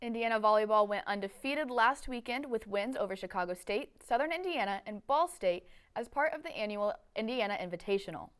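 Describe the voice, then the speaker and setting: A woman's voice: medium pitch, animated, a little fast, hardly any pauses, smooth. A young woman reading scripted sports news as an anchor in a TV studio.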